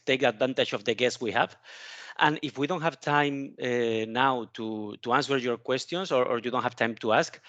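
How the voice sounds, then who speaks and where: A man's voice: medium pitch, a bit bright, no echo, highs cut off. A man moderating an online conference, inviting questions in a loose, self-correcting way.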